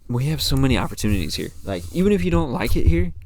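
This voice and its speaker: A man's voice: medium pitch, very animated, quick pace, a little mellow, no echo. A man from the United States hosting a podcast alone, chatting casually and rambling, with many fillers and restarts. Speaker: podcast host. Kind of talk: casual solo podcast chat.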